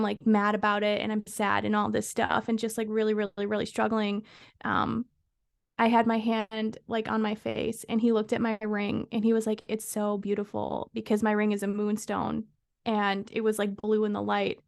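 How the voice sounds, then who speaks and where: A woman guest on a podcast, candidly telling a personal story in an expressive, somewhat profane way. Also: mid-range voice, moderate pace, vocal fry, dry recording, clean studio sound. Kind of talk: casual storytelling.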